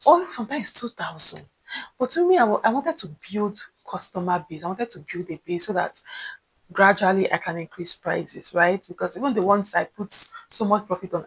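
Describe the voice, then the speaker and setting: A young woman with a Nigerian accent telling a casual storytime vlog, dramatic and animated, acting out quoted dialogue. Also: fairly low pitch, slight background noise, poor audio. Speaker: vlogger.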